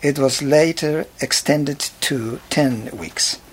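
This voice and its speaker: Slow older Polish-accented man. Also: medium pitch, husky. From Poland. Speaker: jazz pianist. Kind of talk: spoken memoir track.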